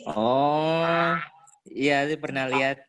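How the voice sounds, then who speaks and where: A man's voice: a little high, steady tone, extremely slow, fairly bright tone. A male talk show host who mostly answers his guests with short agreeing words. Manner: brief agreeing backchannels. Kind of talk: casual talk show hosting.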